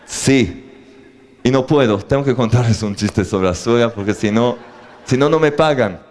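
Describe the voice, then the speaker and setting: A man's voice: medium pitch, moderate pace. A man teaching a lesson on faith to a live audience, asking them questions and joking between his points. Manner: animated, asks the audience questions, jokes. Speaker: religious teacher.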